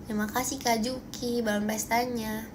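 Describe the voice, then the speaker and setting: A young woman with a bright, high voice and an Indonesian accent hosts a casual phone livestream, bubbly and playful as she thanks viewers and protests teasing comments. A faint background hum sits under her voice in the room at home. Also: flat delivery, moderate pace. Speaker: idol livestream host.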